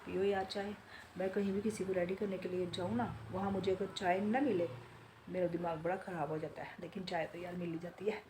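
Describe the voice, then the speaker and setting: A woman in her forties vlogging casually from home in a chatty, relaxed way, talking straight to viewers, her throat a bit sore from a cold. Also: fairly low pitch, brisk, slight background noise. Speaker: beauty salon owner and vlogger. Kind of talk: casual home vlog chat. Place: home, indoors.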